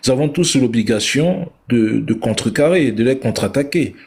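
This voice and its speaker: A man hosting a live talk show, speaking in a measured, reflective way. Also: medium pitch, animated, darkish tone, husky. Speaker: host.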